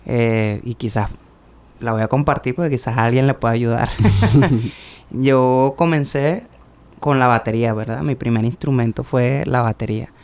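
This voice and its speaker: A man's voice: mid-range voice, moderate pace. A young man, chatting on a podcast and telling a personal church story, acting out the voices in it. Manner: animated storytelling, acts out quoted dialogue. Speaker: podcast co-host, church musician. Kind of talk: casual chat, personal testimony.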